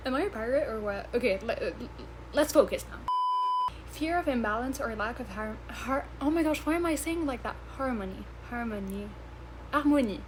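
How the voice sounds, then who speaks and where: With a high-leaning, sing-song voice at a normal pace, a young woman in her twenties rambles through a casual vlog against background noise. She giggles, swears, and stumbles, since English comes third for her after two other languages.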